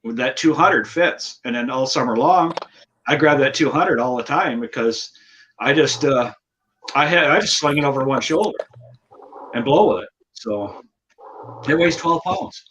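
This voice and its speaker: Male, American, casual explainer, punchy bright tone, a bit of noise on the line. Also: medium pitch, measured pace. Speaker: lawn care professional. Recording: dull lo-fi audio, faint noise.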